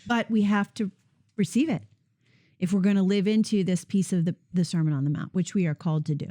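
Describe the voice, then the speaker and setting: A woman leads a Bible study discussion in a conversational, explanatory way. She pauses to rephrase her points as she goes, at an average pitch. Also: steady tone, warm tone. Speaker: host leading a Bible discussion.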